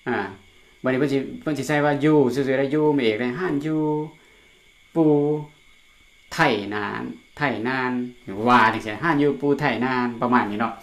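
A man with a Lao accent teaching a recorded pinyin lesson, slowly repeating syllables for learners. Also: medium pitch, a bit bright. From Laos. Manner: drills syllables slowly by repetition. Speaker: Chinese language teacher.

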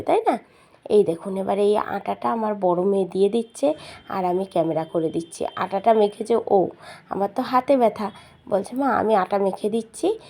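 A middle-aged woman, slightly hoarse from a cold, chatting to viewers as friends while she cooks at home, recorded on a mobile phone. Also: mid-range voice, warm tone. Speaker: home cooking vlogger. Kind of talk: casual cooking demonstration. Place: home kitchen.

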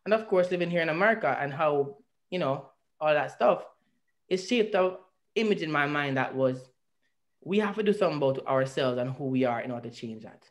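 A man with a Jamaican accent, speaking in a fairly high, animated voice at a brisk clip, tells his story at length as an interview guest. He's earnest and reflective, building to rising emphasis, and he's on a video call from a room at home, picked up by a webcam mic.

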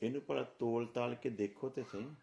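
A middle-aged male pastor delivers an emphatic sermon, pressing his points with rhetorical questions. His voice sits at an ordinary middle pitch. A faint background noise runs under the recording. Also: steady tone, moderate pace, creaky, warm tone.

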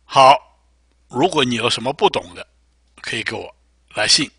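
A man gives a patient, step-by-step software tutorial with a pitch that moves a lot. His voice is bright, with a slight husk. The sound is dry and close, with mouse clicks behind it. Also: lively intonation, moderate pace, creaky, slightly rough, no echo. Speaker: music software teacher. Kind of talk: screen-recorded software tutorial.

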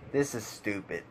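A man with a lowish voice and a slight hiss or hum on the recording rants as a video commentator. He sounds frustrated and exasperated, sighing, laughing, and repeating himself as he delivers his opinions.

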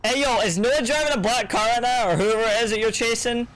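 A man's voice: very high-pitched, fast, a bit bright, slight background noise, low-quality recording. A man chatting casually during a roleplay game in a brash, combative, foul-mouthed way. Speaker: livestreamer playing roleplay game. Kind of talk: casual gaming chat in improvised roleplay.

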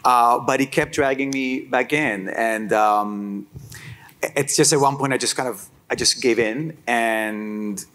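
A man in his forties from Israel, a panelist on a conference stage, speaking in a relaxed way and repeating words as he thinks. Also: medium pitch, unhurried. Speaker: music executive panelist. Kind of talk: conversational panel answer. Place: conference stage before an audience.

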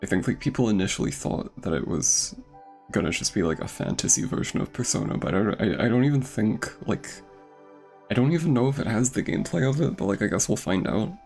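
A young man chats loosely while he streams, full of fillers and restarts. His voice sits low and gravelly, and he sounds slightly out of breath. Game music plays faintly behind him. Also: lively intonation, brisk, darkish tone. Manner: rambling, many fillers and restarts. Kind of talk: casual game-stream chat.

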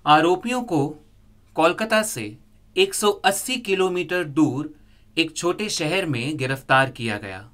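Man, news voice-over, scripted narration, measured delivery, bright tone. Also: fairly high pitch, expressive.

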